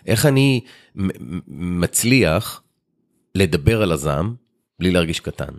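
A man's voice: low voice, sing-song, creaky. A man in his forties hosting a podcast, chatting casually and telling personal stories in colloquial speech. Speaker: podcast host. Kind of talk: casual chat.

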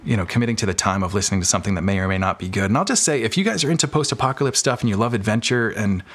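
With a fairly low pitch and a fairly bright tone, a man talks very fast as a podcast guest. The filmmaker and audio drama creator is candid and informal in this casual interview, explaining things in a rambling way.

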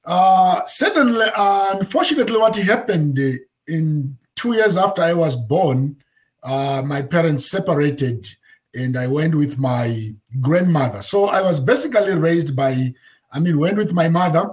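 Zimbabwe-born pastor in his fifties, slightly high voice, halting storyteller with many fillers. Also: animated. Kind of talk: interview storytelling.

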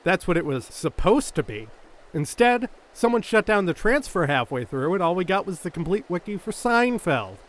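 A man's voice: sits high, sing-song, normal speed. A man playing a sarcastic, troublemaking young soldier in a comedic audio drama. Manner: smug, sarcastic.

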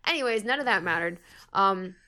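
A woman's voice: medium pitch, lively intonation, fairly quick, sharp tone, clean tone. A woman in her twenties co-hosting a podcast, chatting casually, rambling through stories with giggles and plenty of swearing. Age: 20s. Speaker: podcast co-host. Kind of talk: casual chat.

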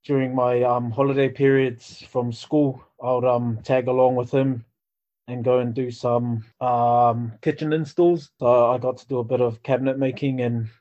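A man's voice: mid-range voice, little pitch movement, moderate pace, dark tone. A man with a New Zealand accent chatting casually as a podcast guest, laid-back and informal, on a slightly dull, lo-fi recording. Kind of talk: casual chat.

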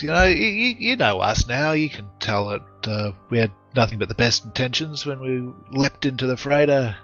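A man voicing a young male adventurer who coaxes haltingly in a tabletop game. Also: mid-range voice, a bit bright, dull audio, lightly acted.

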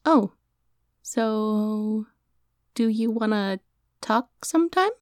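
A woman's voice: fairly high pitch, animated, very slow, dry recording, clean studio sound. An actress playing an awkward, earnest young woman with magic, rambling and hesitant as she records herself in an audio drama. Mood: nervous hope. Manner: rambling, hesitant, stammering when flustered.

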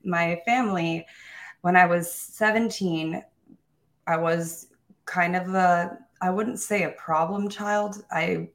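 A young woman recounts her own life story in an interview, her voice fairly low, fairly even in intonation, and slow. She sounds upbeat and self-assured, telling it candidly with small laughs and restarts.

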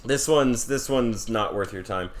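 A man's voice: mid-range voice, unhurried, crowd noise. A man co-hosting a podcast in casual chat, talking loosely and swearing offhandedly. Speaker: podcast co-host.

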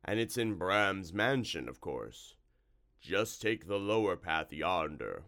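A man voicing a huge slimy storybook monster, slow-witted and easily spooked, with a drawn-out, ponderous delivery. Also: low voice, sing-song, creaky, fairly bright tone, exaggerated voice. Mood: resigned.

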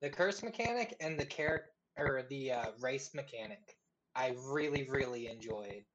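Guy on a crackly headset mic, loose cable buzz, halting casual chat, mid voice. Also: mid-range voice, animated, highs cut off, over a noisy crowd. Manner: halting, restarts and trails off mid-sentence. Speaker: podcast co-host. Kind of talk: casual book discussion.

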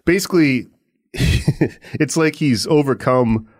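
A podcast co-host, a man with a medium-pitched voice, talks slowly and casually about music, rambling and hesitating with frequent restarts and laughs. The recording is dry, with clean studio sound.

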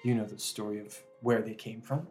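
A man voicing a distracted, evasive male magic teacher who is far older than he looks, in a breathy voice. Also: on the low side, fairly even intonation, a little fast, over music, natural voice. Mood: musing.

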